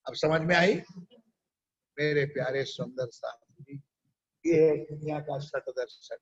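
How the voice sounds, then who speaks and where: A man's voice: a little high, steady tone, slow pace, slightly rough, lo-fi sound. A man preaching a sermon. He tells a parable and keeps stopping to quiz his listeners. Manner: questions the audience often. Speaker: religious preacher.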